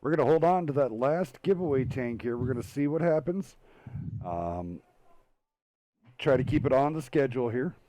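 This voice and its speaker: A man hosting a weekly online tank match show, calmly announcing players and giveaways. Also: mid-range voice, normal speed, dry recording. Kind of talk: esports commentary.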